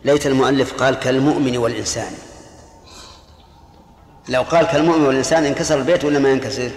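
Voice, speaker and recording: A man's voice: medium pitch, steady tone, rapid-fire, darkish tone. A man teaching a classroom lecture on jurisprudence, explaining patiently and quizzing his students. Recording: echoey hall recording.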